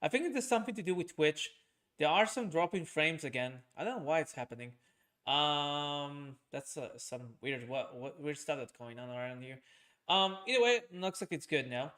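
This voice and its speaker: A man's voice: fairly high pitch, expressive, moderate pace, fairly bright tone. Rambling man with a raised voice. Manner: rambling, many fillers and restarts. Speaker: streamer and podcast host. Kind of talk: casual chat.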